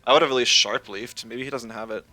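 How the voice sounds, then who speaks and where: A man's voice: mid-range voice, steady tone, bright, forceful tone, faint music behind. A man streaming a competitive game, casually thinking aloud about his moves as he plays. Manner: thinking aloud, chatty, quick asides and laughs. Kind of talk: casual live game commentary.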